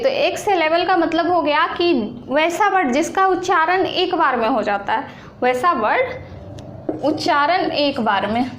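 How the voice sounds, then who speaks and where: A woman teaching an exam-prep lesson, explaining slowly and repeating points, asking questions and answering them herself. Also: high-pitched. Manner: slow, repetitive explaining with questions to students. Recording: echoey room with faint noise.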